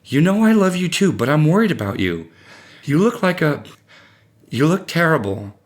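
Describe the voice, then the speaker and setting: Frantic young mother and wife, read by a man in an audiobook, pitched well up, anxious and pleading. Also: expressive, normal speed, natural voice. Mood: alarmed.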